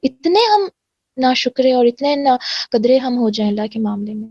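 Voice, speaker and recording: A woman's voice: fairly high pitch, animated, mellow, dry recording, highs cut off. A woman teaching a religious lesson, explaining earnestly and mixing in English words. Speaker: Quran teacher.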